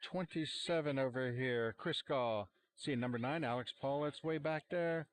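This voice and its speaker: A man calling a high school football game, relaxed and rambling with plenty of fillers. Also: moderate pace. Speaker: play-by-play commentator. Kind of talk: amateur sports commentary. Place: outdoor football stadium sideline. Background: cheering fans.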